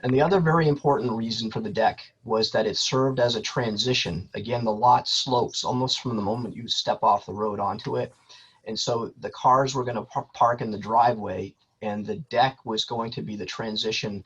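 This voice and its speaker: A man, a lawyer for an applicant, speaking over a landline phone in a measured, orderly way with frequent ums, giving a formal statement to a board. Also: lowish voice, fairly even intonation, a bit bright, husky. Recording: muffled lo-fi phone line.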